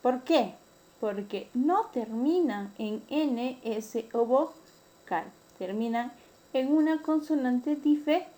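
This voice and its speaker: A woman with a Peruvian accent teaching an online class for pupils, explaining each point slowly and carefully. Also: sits high, lively intonation, warm tone. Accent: Peruvian Spanish. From Peru. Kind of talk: virtual class lesson.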